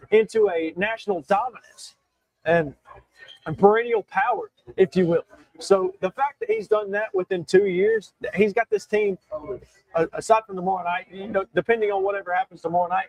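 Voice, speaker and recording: A man's voice: sits high, gravelly, darkish tone, no room sound, poor audio. A young man hosting a solo sports talk show, talking emphatically with frequent restarts and self-corrections while he has the hiccups. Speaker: show host.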